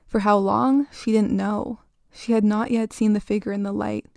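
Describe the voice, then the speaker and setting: Creaky-voiced woman reading a spooky story. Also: medium pitch, fairly even intonation, moderate pace, a little mellow, no room sound, studio quality. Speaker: storyteller, podcast host. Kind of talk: scripted spooky story narration.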